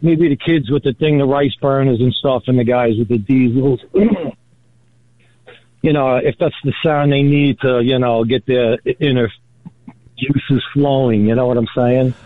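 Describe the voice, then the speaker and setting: A man's voice: medium pitch, fairly even intonation, a little slow, dry recording. A man phoning in to a radio show as a caller, talking in a blunt, riled-up, casual way. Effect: phone-line caller on a radio show. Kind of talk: casual call-in chat. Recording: tinny phone line.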